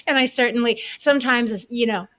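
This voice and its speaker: A woman's voice: on the high side, a little fast, fairly bright tone, no echo, studio quality. A woman hosting a conversational interview, thinking aloud and often checking in with her listener. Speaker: podcast host.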